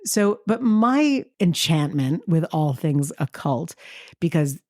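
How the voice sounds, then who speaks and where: A woman's voice: deep voice, sing-song, slow pace, darkish tone, dry recording, studio quality. A woman co-hosting a podcast in casual conversation, chatty and given to telling anecdotes. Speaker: podcast co-host.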